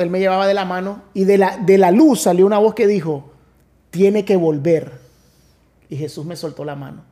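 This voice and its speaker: A man's voice: high voice, warm tone. A man, a pastor telling his testimony in earnest, casual conversation with many restarts. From Nicaragua. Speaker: pastor, podcast guest.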